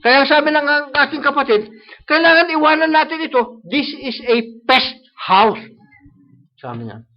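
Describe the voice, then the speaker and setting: A man's voice: very high voice, big pitch swings, moderate pace. A man with a Filipino accent preaching a sermon, switching between Tagalog and English and often asking "no?" to the congregation. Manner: mixes Tagalog and English, repeats "sabi niya" and "no?". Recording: dull lo-fi live stream audio.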